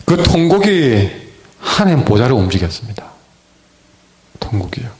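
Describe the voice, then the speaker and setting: A man preaching a sermon as a pastor, with a sore throat, swinging between loud cries and hushed words. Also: medium pitch, big pitch swings, moderate pace.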